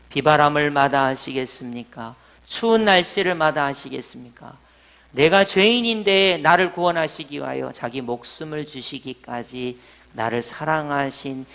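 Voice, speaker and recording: A middle-aged pastor preaching a sermon, telling stories and swinging between loud emphatic lines and quiet asides. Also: male voice, mid-range voice. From Jeolla, South Korea. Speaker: senior pastor.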